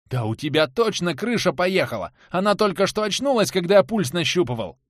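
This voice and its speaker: Man voicing a frantic, high-pitched young man. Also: sing-song, fairly quick, no room sound, studio quality. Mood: panicked. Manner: frantic, pleading. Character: panicky young man, desperate.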